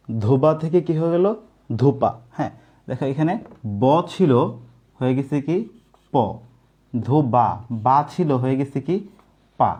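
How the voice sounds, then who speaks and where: A man's voice: a little high, dark tone. A young man teaching an online coaching class, explaining step by step and asking his students questions, with casual asides.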